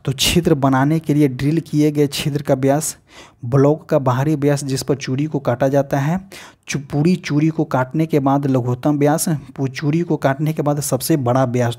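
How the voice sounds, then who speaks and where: A man's voice: fairly high pitch, dark tone. A man teaching an exam-prep lesson, walking through practice questions one by one and repeating phrases as he explains, with English terms mixed into his talk. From India. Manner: repetitive, restarts phrases, mixes English terms into Hindi.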